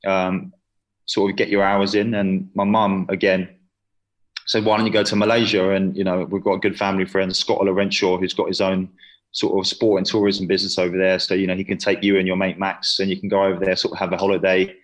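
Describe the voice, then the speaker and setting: A man's voice: deep voice, flat delivery, brisk. A young man in his twenties, chatting casually as an interview guest, full of fillers. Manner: chatty, lots of fillers and "you know".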